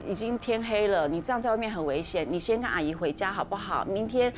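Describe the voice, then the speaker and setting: A woman voicing a distraught mother who softly and patiently coaxes a lost little boy. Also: mid-range voice, expressive, quick pace, soft background music, close to an everyday voice. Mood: coaxing.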